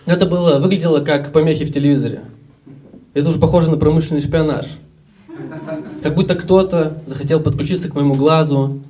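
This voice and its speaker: A man's voice: a little high, fairly even intonation, quick pace, warm tone, recorded from a distance, slight background noise. A young Russian man in his twenties telling stories casually in a stand-up comedy set, acting out the voices of other people. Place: live comedy show with audience.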